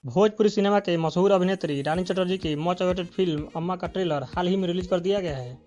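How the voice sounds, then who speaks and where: A man's voice: high-pitched, fast talker, a little mellow, faint music behind. A man narrating a scripted entertainment news voice-over, reading steadily from a prepared script.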